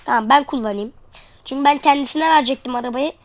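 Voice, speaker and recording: Speaking fast in a high voice, this gaming host talks slang to her audience while playing, her nose congested and sniffly. The recording has a dull, lo-fi microphone quality.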